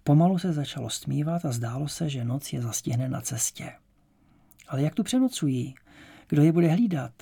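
A man narrating an audiobook in a measured, even storytelling manner. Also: fairly high pitch, gravelly, slightly rough.

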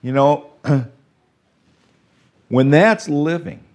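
An older man preaching a sermon, earnest and warm in content, swinging between emphatic lines and soft, drawn-out phrases. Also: on the high side, lively intonation. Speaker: pastor.

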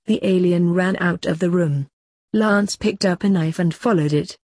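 Husky woman reading a story aloud. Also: on the low side, normal speed, darkish tone, dry recording. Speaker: narrator.

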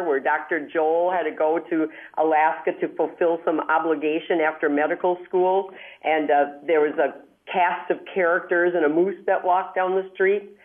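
Upbeat woman talking on a speakerphone. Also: lowish voice. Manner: chatty, upbeat, explains at length. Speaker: travel show host. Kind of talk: call-in radio advice. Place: hotel room far from studio, calling in. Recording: tinny speakerphone line.

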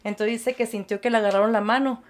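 A woman, a guest recounting her experiences and acting out the voices of others in lively conversation. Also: fairly high pitch, quick pace. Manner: animated, acts out quoted voices, laughs easily. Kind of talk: storytelling in conversation.

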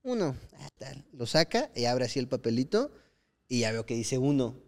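A man with a Mexican accent chats loosely on a podcast, spinning anecdotes. His voice sits in an ordinary middle pitch. He drops into playful voices for the people he quotes. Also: normal speed. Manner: lively storyteller acting out quoted lines with slang. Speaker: podcast co-host. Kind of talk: casual podcast chat.

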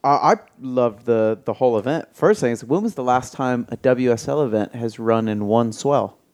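A man's voice: medium pitch, moderate pace, a little mellow. A man co-hosts a podcast in a casual way. He is keen and lists what he liked one point at a time. His voice sits in an ordinary middle register. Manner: enthusiastic, explains points in order. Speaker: podcast co-host. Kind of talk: casual chat.

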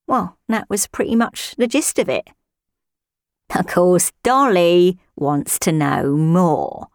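A woman playing a nosy, gossiping married woman who spies on her neighbour, chatty with dry deadpan asides. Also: a little high, dry recording, exaggerated voice. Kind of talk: comic character monologue.

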